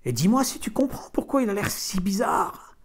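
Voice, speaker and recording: A man voicing an anguished young farm wife in a storybook reading, pitched up and pleading. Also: sing-song, normal speed, breathy edge, exaggerated voice.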